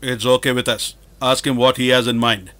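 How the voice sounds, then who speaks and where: A man's voice: medium pitch, level tone, normal speed, lightly acted. A man dubbing a polite visitor in an English film dub, formal and placating. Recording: film soundtrack with loud music. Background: film score.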